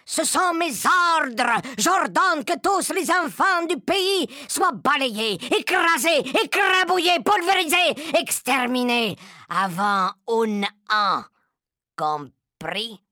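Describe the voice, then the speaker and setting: A woman's voice: high-pitched, expressive, slow pace, bright, forceful tone, no echo, clean studio sound, full character voice. A woman playing a tyrannical, furious female witch leader who shrieks orders and chants threats in an audio drama.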